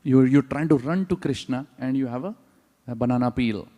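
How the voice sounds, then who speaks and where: Speaking a little fast in a dark-toned, mid-range voice, a man leads a devotional class at a temple. The hall adds long reverb, and he engages his listeners by asking "huh?" again and again.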